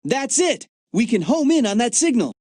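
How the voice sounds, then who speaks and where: With an extremely high, very animated voice at a moderate pace, a man plays an upbeat young field agent in a video game who chats eagerly and cracks jokes about gadgets and the cold. He's recorded on a dry studio mic, but loud music plays underneath.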